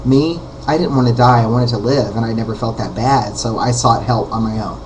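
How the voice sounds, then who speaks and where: Man, baritone, casual webcam vlogger, rambling and candid with lots of fillers; faint noise in the background. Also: fairly quick, low-quality recording. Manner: rambling and candid, many ums and uhs. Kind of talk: casual talking-to-camera vlog.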